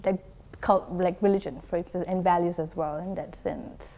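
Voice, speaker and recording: A woman from Singapore speaks as an interview guest in a fairly low voice. She answers thoughtfully, pausing often with filler ums as she gathers her words. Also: fairly even intonation, dark tone.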